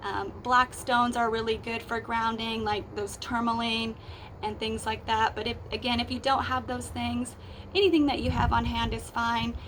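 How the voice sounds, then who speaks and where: A woman calmly and gently guiding a grounding meditation ritual in an unhurried, instructional way, speaking outdoors. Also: a little high, poor audio. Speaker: meditation and ritual guide, host. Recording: outdoors with clear background noise.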